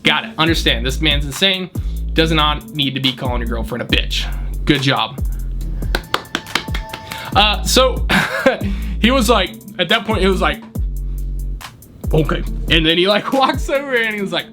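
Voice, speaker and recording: A man casually telling an animated story about his valet job, often laughing as he talks. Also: on the high side, moderate pace, long pauses, over music.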